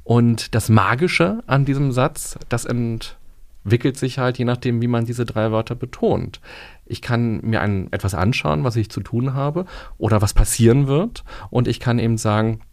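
A man, a resilience coach, talking casually in a podcast studio and explaining ideas through everyday examples, stressing key words slowly. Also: mid-range voice.

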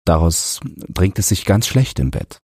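A man playing a gentle, helpless father who talks in a soothing, apologetic way. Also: low voice, sing-song, a little slow, slightly rough, no echo, studio quality, exaggerated voice.

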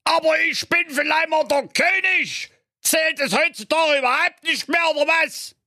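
A man's voice: high-pitched, lively intonation, moderate pace, a bit bright, no echo, clean studio sound, voice pushed up. A man voicing a choleric, round old king, blustering and ranting. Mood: yelling.

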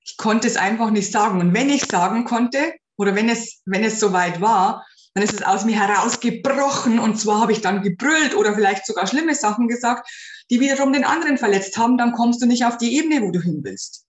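A woman's voice: a little high, fairly quick. Woman coaching in a roomy space. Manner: earnest, direct, addresses listener as du. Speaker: podcast host, spiritual life coach. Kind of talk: casual spoken advice podcast. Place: room at home with a window. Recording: roomy echo.

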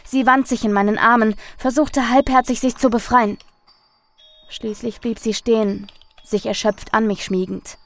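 A woman hosting a podcast, reading a listener's horror story in a measured, dramatic narration. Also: on the high side, fairly even intonation, no room sound, faint music behind. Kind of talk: scripted narration.

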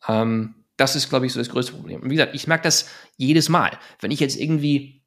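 Gravelly German man, rambling fast. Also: mid-range voice, fairly bright tone. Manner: fast, rambling with many fillers and restarts. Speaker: guest. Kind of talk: casual podcast interview.

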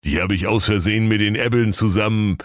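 A man's voice: lowish voice, steady tone, no echo, studio quality, close to an everyday voice. Man doing a dim bumbling bear. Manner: slow, bumbling, hesitant with many ums. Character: dim clumsy slow male bear.

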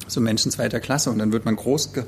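A man's voice: medium pitch, fairly even intonation, fast, a little hiss or hum. A man from eastern Germany co-hosting a literary podcast, talking through a novel in a rambling, thoughtful way with many restarts. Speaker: podcast co-host. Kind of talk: casual book discussion.

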